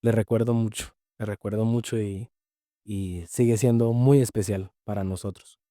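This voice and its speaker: A man's voice: on the low side, fairly even intonation, normal speed, dark tone, dry recording, clean studio sound. A young man with a Colombian accent, a podcast guest telling his personal faith story in an earnest, heartfelt way, often repeating phrases.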